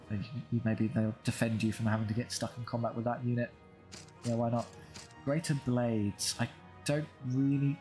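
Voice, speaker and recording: A man's mid-range voice with a darkish tone carries casual, understated commentary on his strategy game. As a gaming video creator narrating his own playthrough, he thinks aloud and speaks dryly to his units.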